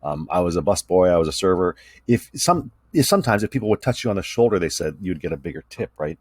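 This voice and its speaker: A communication instructor with a low, slightly husky voice walks students through his slides in an easy, conversational way, often checking in with "right?". He is recorded close up with no room sound. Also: very animated, fast, no room sound. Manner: conversational, tag questions "right?" and fillers. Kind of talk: recorded lecture over slides.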